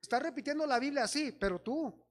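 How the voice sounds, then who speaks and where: A man's voice: extremely high pitch, fairly quick. A man with a Mexican accent preaching a sermon, telling stories and acting out the voices of people in them while exhorting his congregation as brothers.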